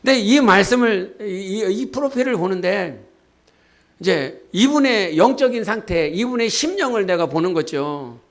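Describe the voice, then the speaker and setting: A man preaching a sermon as pastor, talking directly to his congregation and leading them in shouted declarations. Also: high voice, expressive, measured pace. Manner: often asks the congregation "예?" and talks to them directly. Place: church sanctuary.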